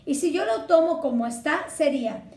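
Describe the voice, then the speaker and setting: A woman's voice: high voice, expressive, normal speed, reverberant, very noisy. A woman teacher from Mexico, patiently explaining a Spanish lesson and spelling words out syllable by syllable. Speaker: secondary school Spanish teacher.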